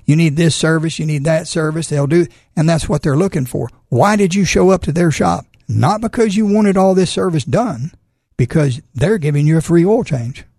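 A man's voice: on the high side, animated, moderate pace, gravelly, dark tone, slightly rough, no echo, clean studio sound. A man talking casually about cars on radio as a garage-owner guest, in a folksy, plain-spoken way. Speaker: auto repair shop owner, radio guest. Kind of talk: casual radio talk about car repair.

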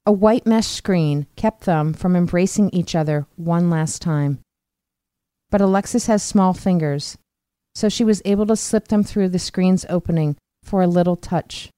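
A woman investigative reporter narrating a podcast in a measured, earnest scripted read. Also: on the low side, warm tone, clean tone, dry recording.

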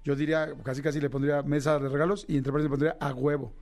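A Mexican man hosting a radio show, joking loudly and getting excitable as he chats. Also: very fast, soft background music. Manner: loud, joking and excitable, with big jumps in pitch. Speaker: radio host. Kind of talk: casual radio chat.

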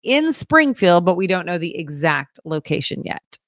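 A woman co-hosting a casual local news show, chatting in an upbeat, animated way. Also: fairly low pitch, moderate pace, no echo, clean studio sound.

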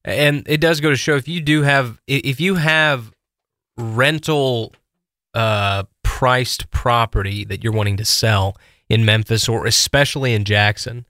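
Um homem com sotaque do sul dos Estados Unidos, coapresentador de uma empresa de leilões, dando conselhos diretos aos ouvintes. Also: male voice, mid-range voice, a little slow, bright, forceful tone, no room sound, studio quality. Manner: salesy, direct advice to listeners. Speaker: auction company co-host. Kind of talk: casual radio talk.

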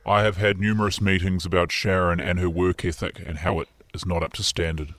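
A radio producer making confessions on air through a voice disguiser that gives him a disguised deep voice. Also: male voice, level tone, a little fast, a bit bright, no echo. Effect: disguised deep voice from a pitch-shifting voice disguiser. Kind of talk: radio show bit.

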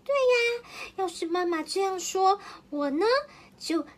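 A woman's voice: extremely high pitch, lively intonation, unhurried, slight background noise, pitched above the performer's own voice. A woman voicing a small child who adores its mother, speaking in an earnest, childlike way. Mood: earnest, sweet. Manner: sweet, earnest childlike telling.

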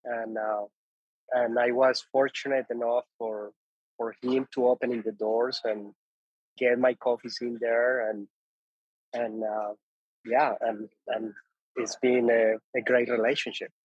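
A man's voice: medium pitch, little pitch movement, measured pace, husky, dry recording, dull audio. A man from Colombia, speaking English as a second language, who tells his story as a guest in an interview, stopping often to restart and repeat words. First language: Spanish. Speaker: guest, coffee importer. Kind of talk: conversational interview.

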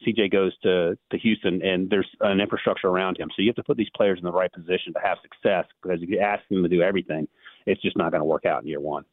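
A deep-voiced man talks quickly over a tinny phone line, breaking down prospects as a guest analyst. He often stumbles and repeats a word before pushing on. The sound is dry and narrow. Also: fairly even intonation, no echo. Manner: fast, rambling, repeats words when restarting. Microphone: phone call.

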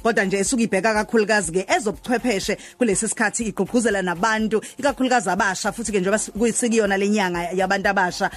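A woman's voice: medium pitch, racing, hardly any pauses. A woman with a Zulu accent presenting a radio show in a conversational style as host.

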